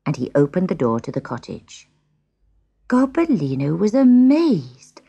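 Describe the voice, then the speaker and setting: A woman narrates a children's story with expressive, gently dramatic reading. Her voice sits a little low, moves a lot in pitch and has a gravelly edge. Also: a little slow, muffled recording.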